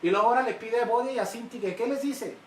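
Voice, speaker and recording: A man's voice: extremely high pitch, very fast. A male pastor giving a sermon who keeps turning to the congregation with questions. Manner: engaging, questions the congregation often. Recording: roomy, mic at a distance, faint hiss.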